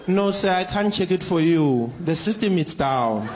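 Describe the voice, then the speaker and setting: A slow, flat-talking South African call-centre woman, deadpan and unhelpful, as a man puts her on. Her voice sits higher and climbs shrill when she gets worked up. It echoes around a live room with noise behind it. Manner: flat, slow and matter-of-fact, then shrill and rapid when venting. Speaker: comedian.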